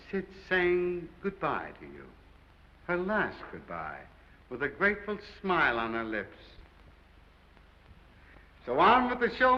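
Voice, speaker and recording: A theatrical nightclub emcee from a 1930s film. His high voice swoops widely through florid, sentimental announcements. It rings through a long hall echo. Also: exaggerated voice. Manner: theatrical, grandiloquent, drawn-out phrases. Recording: echoing hall, dull 1930s film soundtrack.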